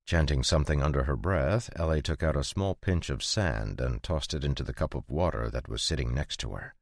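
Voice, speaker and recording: A male narrator reads a fantasy audiobook in an extremely low, booming register. His delivery is even and measured, and the recording is bone-dry and close to the mic. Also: dry recording. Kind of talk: scripted narration.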